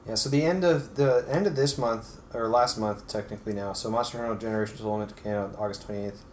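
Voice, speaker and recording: Low-voiced man chatting casually. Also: fast, a little hiss or hum. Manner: relaxed, hesitant with restarts and fillers. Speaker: podcast co-host. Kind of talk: casual chat about video games.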